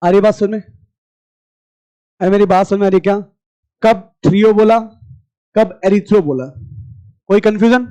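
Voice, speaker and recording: High-voiced man quizzing a class. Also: dark tone, clean tone, no echo, dull audio. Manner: quizzing students with rapid repeated questions; familiar, addresses class as brother. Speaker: chemistry teacher. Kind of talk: classroom lecture.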